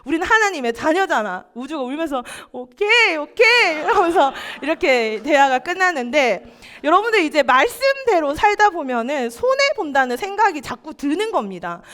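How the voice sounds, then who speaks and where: A woman's voice: sits high, very animated, a little fast, few pauses, a bit bright. A young woman preaching to a church youth group, often asking the listeners questions and acting out family quotes. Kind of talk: sermon.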